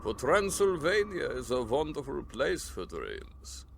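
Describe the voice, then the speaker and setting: This sinister vampire nobleman speaks with ceremonious courtesy, formal and deliberate, like a radio drama, his mood both courteous and ominous. His mid-range voice is sing-song and creaky, and a faint bed of background noise sits behind him.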